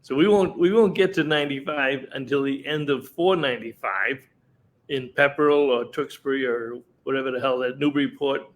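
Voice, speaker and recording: A man's voice: mid-range voice, normal speed. A man co-hosting a casual talk show, chatty and fond of wisecracks. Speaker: co-host. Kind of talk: casual chat. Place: on the road while traveling.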